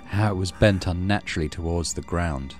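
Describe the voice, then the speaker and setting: A man with a deep voice, speaking a little fast, hosts a let's play for his gaming channel. He reads a horror visual novel aloud with dramatic flair and muttered asides, with faint music playing behind him.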